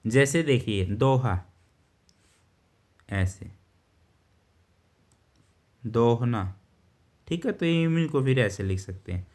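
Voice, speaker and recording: A man teaching shorthand, explaining step by step in a patient way and often pausing to check understanding. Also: medium pitch, lively intonation, darkish tone. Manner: patient, repeats words and checks with "theek hai". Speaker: steno teacher. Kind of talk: explaining a lesson while writing.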